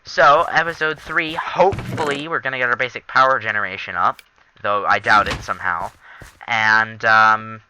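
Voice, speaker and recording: Wry man with a bright voice. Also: on the low side, slight background noise, low-quality recording. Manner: wry, jokey, quick asides. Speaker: let's play host. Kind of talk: casual gameplay commentary. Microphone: laptop recording.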